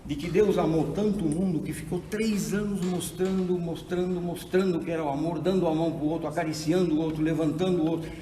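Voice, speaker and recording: Speaking quickly with hardly a pause, an Argentine lecturer in his sixties tells stories to his audience with preacherly animation during a theology talk. His voice leans high, and the hall echoes. The mic sits far off, catching slight background noise.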